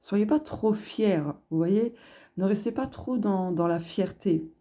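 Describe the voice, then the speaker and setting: A woman's voice: mid-range voice, slow pace, dark tone. A woman giving a casual card reading, hesitant and chatty, thinking aloud with many filler sounds. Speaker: card reader giving a collective astrology guidance.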